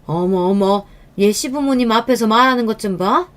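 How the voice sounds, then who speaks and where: A woman's voice: on the high side, moderate pace, fairly bright tone, natural voice. A contemptuous older mother-in-law, put on by a woman reading the story, nags in a raised, scolding voice. Every line drips with scorn for her daughter-in-law. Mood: scolding, scornful.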